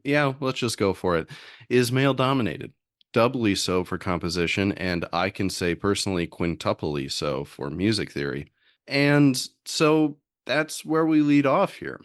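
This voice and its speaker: A male podcast host opening a roundtable in a somewhat low voice. He speaks wryly and corrects himself mid-sentence. The sound is dry and close, with no room echo. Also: a bit bright. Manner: wry, self-correcting.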